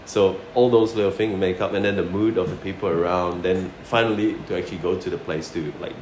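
Low in pitch with fairly even intonation, this man speaks a little fast. A chef from Sarawak, Malaysia, and later New Zealand, he tells informal stories during an interview, with repeated phrases. The audio is echoey and roomy, with loud noise in the background.

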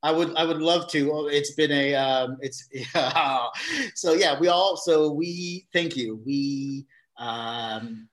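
This middle-aged man has a fairly high, somewhat bright voice and takes his time speaking. Appearing as an interview show guest, he explains his theater company's new work in a casual, rambling style, often starting sentences over.

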